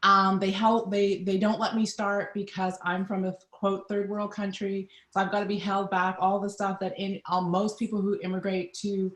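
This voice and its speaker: A woman's voice: mid-range voice, normal speed, hardly any pauses. Trinidadian woman telling her story. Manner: animated, acts out voices in her story. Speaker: guest. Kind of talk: personal storytelling in an interview. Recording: roomy echo.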